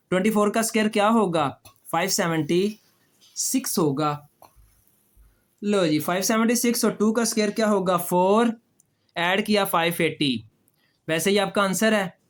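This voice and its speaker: High-voiced man teaching math. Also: moderate pace. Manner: patient, addresses students as children, repeats questions and answers them. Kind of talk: step-by-step classroom lecture.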